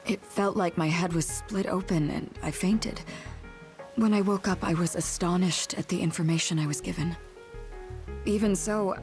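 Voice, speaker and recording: In a sci-fi video game cutscene, an actress voices an earnest, composed woman, lightly acted and speaking in a measured, clearly enunciated way. Her voice is lowish with a darkish tone.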